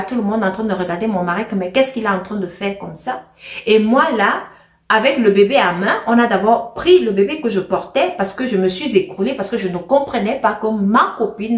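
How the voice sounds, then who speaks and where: Earnest woman telling her story in an echoey room. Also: mid-range voice. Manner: halting and earnest, often repeats words and restarts. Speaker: storyteller sharing a personal testimony. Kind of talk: first-person life story narration. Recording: roomy, echoey room sound.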